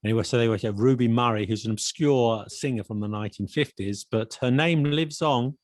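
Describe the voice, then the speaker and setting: A man's voice: medium pitch, brisk, no room sound. A man co-hosting a casual podcast chat, quizzing his co-host on slang in a playful, dry manner.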